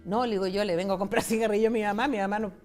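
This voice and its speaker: Racing along in a mid-range, slightly mellow voice with fairly even intonation, a Chilean woman in her sixties tells personal stories as an interview guest, faint music behind her. This foundation founder speaks candid, conversational Chilean Spanish and retells dialogue.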